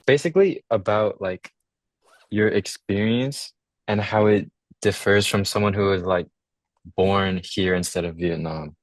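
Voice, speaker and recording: A man asking interview questions in a halting way, repeating himself as he goes. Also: lowish voice, dry recording. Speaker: student interviewer.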